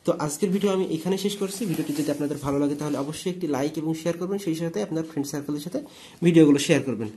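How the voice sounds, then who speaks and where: Mellow-voiced man teaching a language lesson. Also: on the high side, very fast. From Bangladesh. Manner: explains step by step, asks and answers own questions.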